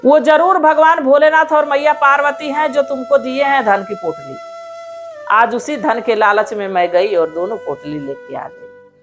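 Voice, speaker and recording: A woman voicing a shrill, grasping elderly mother-in-law in a devotional story, complaining and wailing in a raised voice. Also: measured pace, music in the background. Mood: accusing.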